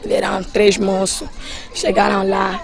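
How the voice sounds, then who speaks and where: A woman with an Angolan Portuguese accent, giving an animated, emphatic spoken account of a night break-in. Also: takes it slowly, creaky, over a noisy crowd. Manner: animated, emphatic retelling with sudden rises in pitch and loudness. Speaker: eyewitness recounting a break-in.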